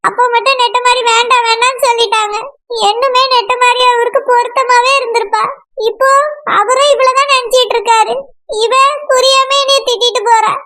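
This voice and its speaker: A woman's voice: very high-pitched, fairly even intonation, brisk, bright, forceful tone. A woman voicing a tearful young bride with a Kanyakumari accent. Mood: sorrowful. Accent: Kanyakumari Tamil. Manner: sorrowful, lamenting. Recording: noisy recording.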